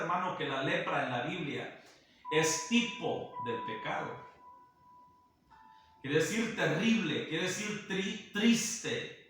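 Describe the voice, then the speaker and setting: A man preaching a sermon, speaking slowly and deliberately and often addressing his listener as brother. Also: on the high side, a bit bright. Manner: slow and deliberate, repeatedly calling the listener brother. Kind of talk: sermon teaching. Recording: roomy echo, heard from a distance, faint music behind.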